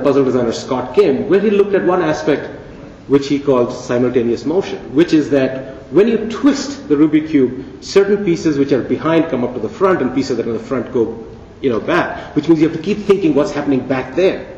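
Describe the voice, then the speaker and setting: The keynote speaker, a man with an expressive, slightly mellow mid-range voice, talks a little fast in a playful, conversational way, asking rhetorical questions. It was recorded from a distance in a large conference hall, sounding dull and echoey, with slight background noise.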